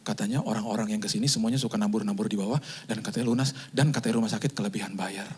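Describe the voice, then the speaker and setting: A man voicing his wife's quiet words as he retells a story in a sermon. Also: lowish voice, fairly even intonation, racing, husky, voice pushed down. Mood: hushed. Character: the pastor's wife, quietly whispering news.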